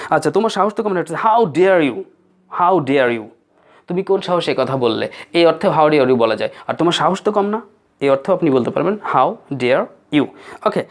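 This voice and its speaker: Man teaching English phrases, spelling aloud. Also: fairly high pitch. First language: Bengali. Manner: drills English phrases slowly, spelling words letter by letter. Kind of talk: spoken English lesson.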